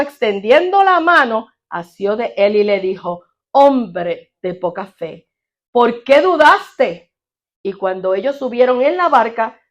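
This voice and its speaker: A woman preaching a sermon in an animated way, often asking her congregation questions. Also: fairly high pitch. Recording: audio of a sermon.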